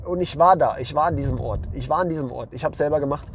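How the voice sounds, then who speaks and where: A hoarse young man who hosts a channel talks bluntly into the camera, full of slang and repeated phrases. His voice sits fairly high, with a faint hum behind it. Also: quick pace. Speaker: men's lifestyle channel host.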